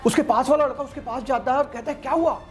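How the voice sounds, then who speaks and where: A man's voice: extremely high pitch, fairly even intonation, fast, soft background music. A man telling a motivational story and addressing listeners as friends. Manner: addresses listeners as friends, voices villagers in quotes.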